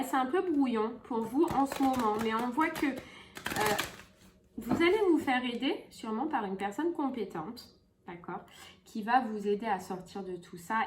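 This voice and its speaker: A woman's voice: a little high, a little hiss or hum. A woman giving a casual tarot reading, chatty and full of fillers and repeated phrases. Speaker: tarot reader.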